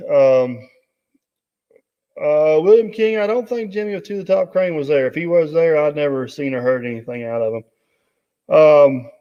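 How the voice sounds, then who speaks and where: A man hosts a casual live-stream chat and rambles from one topic to the next with plenty of fillers. His voice sits on the higher side, and the sound is dull, with a long hall-like reverb. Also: moderate pace. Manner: rambling, reads out viewer comments with many fillers. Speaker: host.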